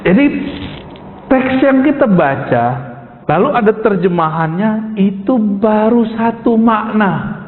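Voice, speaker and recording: High-voiced preacher in an echoey hall. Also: male voice, lively intonation, slow pace, a little hiss or hum. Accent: Indonesian. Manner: informal, addresses listeners as "Pak", asks rhetorical questions. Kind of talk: sermon. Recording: echoey hall, tinny phone-like sound.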